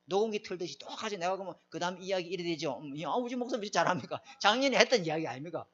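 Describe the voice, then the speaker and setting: A man's voice: high voice, expressive, rapid-fire, fairly bright tone. A middle-aged man preaching a sermon, emphatic and often asking his congregation questions. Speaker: pastor. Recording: dull lo-fi recording.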